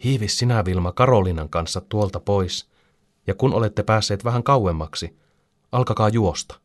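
A man's voice: fairly low pitch, lightly acted. A man voicing a timid, thoughtful young boy who speaks earnestly. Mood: urgent.

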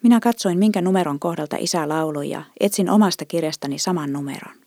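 A woman reading a children's story aloud in a gentle, even storytelling manner. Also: on the low side, no room sound, studio quality. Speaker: narrator.

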